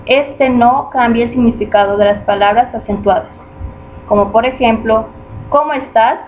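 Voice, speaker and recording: A woman reading a grammar lesson aloud in a steady, measured way, going through rules and examples. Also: a little high. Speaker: student presenter. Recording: muffled lo-fi recording with faint noise.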